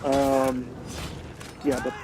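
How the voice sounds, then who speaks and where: A native German speaker with a German accent chats casually while commenting on his own gameplay, using lots of filler words. His mid-range voice is monotone and he draws out his words. There's background noise behind him.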